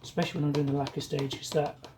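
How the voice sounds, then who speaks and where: Mellow woman, muffled by a mask. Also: low voice, rapid-fire, a little hiss or hum. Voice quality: muffled through a paint mask. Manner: relaxed, chatty running commentary. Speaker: DIY car painter. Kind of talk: casual talk while working. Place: home garage, indoors.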